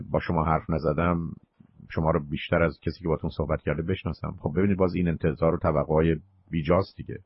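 Lecturing husky low-voiced man. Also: lo-fi sound. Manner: lecturing, emphatic. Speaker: radio psychology show host. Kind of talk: call-in advice talk.

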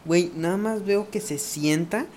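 A young man with a Mexican Spanish accent telling lively stories in casual chat with friends. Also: high voice, moderate pace, slight background noise. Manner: animated storyteller, laughs through his stories.

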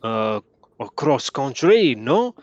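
A man voicing a gruff soldier, grumbling and ending his questions with "no?". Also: fairly high pitch, very animated, measured pace, darkish tone, muffled recording.

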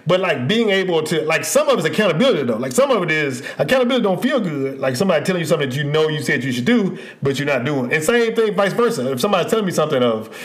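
An animated man in casual podcast chat, his voice sitting a little high and swinging widely in pitch. He laughs often and drifts into playful stories as he talks with his co-host. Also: racing, hardly any pauses.

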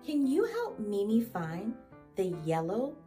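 A woman hosting a preschool lesson for young children in an encouraging, sing-song kindergarten teacher voice, asking simple questions and pausing for answers. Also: mid-range voice, huge pitch swings, warm tone, soft background music. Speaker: children's show host.

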